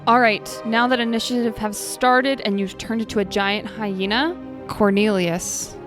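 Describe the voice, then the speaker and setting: A woman's voice: fairly high pitch, fairly even intonation, a little slow. A woman running a tabletop role-playing game, narrating the scene to her players as game master. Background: background music.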